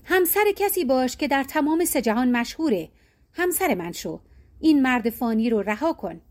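A proud, menacing male demon king , played by a woman narrator, barks orders and threats in an audiobook tale. He is domineering and sure of his power, with a slightly raised pitch. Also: lively intonation. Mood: boastful. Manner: commanding, menacing.

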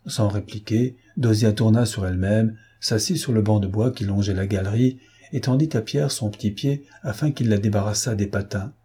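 Husky low-voiced male narrator. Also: normal speed, dark tone. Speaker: audiobook narrator. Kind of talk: scripted narration of a novel.

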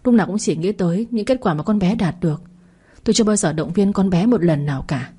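A woman's voice: on the low side, expressive, fast, warm tone, husky. A woman voicing a worried, weeping middle-aged mother in a narrated audio story. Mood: remorseful. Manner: tearful, pleading.

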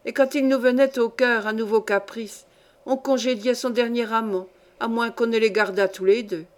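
A woman's voice: a little high, fairly even intonation, moderate pace, natural voice. A woman reading a story aloud, voicing an indignant, worldly old grandmother who lectures her granddaughter with scorn. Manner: scornful, lecturing, sweeping tirade. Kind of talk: audiobook reading.

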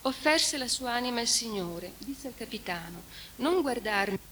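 Bright-voiced woman lecturing in an echoey hall. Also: a little high, animated. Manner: measured, deliberate reading. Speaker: conference speaker. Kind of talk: academic lecture with read-aloud translation. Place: conference hall. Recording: echoey hall recording with hiss.

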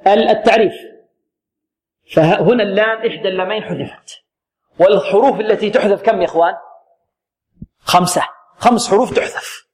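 A man teaching Quran recitation rules, asking his students questions, answering them himself and saying the words slowly to show them. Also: high voice. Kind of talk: tajweed lesson with call-and-response questions.

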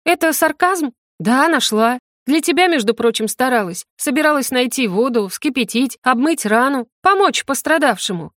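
An indignant young heroine with a sharp tongue, as a woman reader puts her on for an audiobook. Her voice sits a little higher than the narration, quick with retorts. The sound is dry and close. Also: steady tone, no echo.

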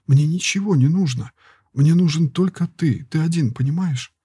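A lovesick young girl who pleads with trembling urgency, as a male audiobook reader puts her on. The voice is lifted higher but stays dark and breathy underneath. It is recorded close and dry, with no room sound. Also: normal speed, no room sound. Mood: pleading. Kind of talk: audiobook character reading.

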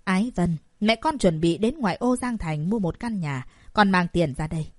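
A woman's voice: on the low side, expressive, moderate pace, darkish tone, no echo, studio quality. A woman voicing a greedy, domineering middle-aged mother in an audiobook, scolding and wailing melodramatically. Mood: demanding. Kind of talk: audiobook character voice.

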